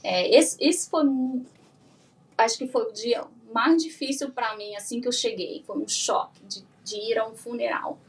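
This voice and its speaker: High-voiced Brazilian woman telling a story. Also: moderate pace. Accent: Brazilian Portuguese. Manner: animated storyteller who acts out what she and others said. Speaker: guest, firearms instructor. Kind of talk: casual interview.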